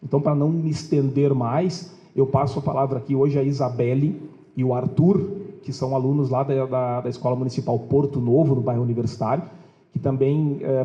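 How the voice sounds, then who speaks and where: A man speaking as a police officer at a public event, giving a measured, formal speech with official phrasing and occasional pauses. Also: mid-range voice, dark tone, muffled recording.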